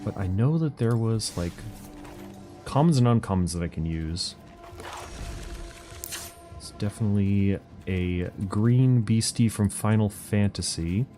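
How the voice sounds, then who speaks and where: A man with a fairly low voice gives casual live game commentary. He takes his time, muttering his thoughts aloud in loose fragments, with clear music playing behind him. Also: lively intonation, a little slow, pauses often. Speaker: game streamer.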